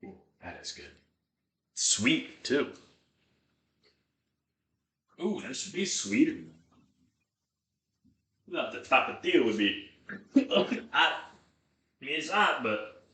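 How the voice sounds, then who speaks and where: A man's voice: mid-range voice, very animated, slow pace, pauses often, sharp tone. A man chatting casually and thinking aloud as he streams, with some swearing. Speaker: streamer cooking on a livestream. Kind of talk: casual rambling chat to self and viewers. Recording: echoey room sound.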